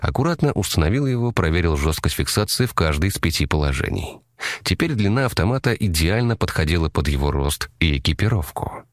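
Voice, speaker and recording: A man reading a thriller audiobook in a measured, dramatic storytelling manner. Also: low-pitched, sing-song, dry recording, clean studio sound. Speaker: narrator. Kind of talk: scripted audiobook narration.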